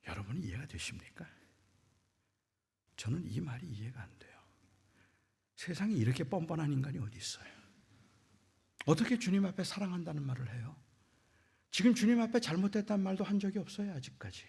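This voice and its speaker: A man, a pastor, preaching a sermon in a church, swinging between loud emphasis and hushed near-whispers and asking the congregation rhetorical questions. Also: a little high, lively intonation, brisk, creaky, pauses often, breathy edge.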